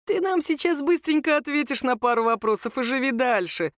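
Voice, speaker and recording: A woman voicing a lanky, menacing male thug who mocks his victim in a slow, sneering drawl. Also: high voice, expressive, no echo, studio quality, voice pushed up. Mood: menacing, mocking.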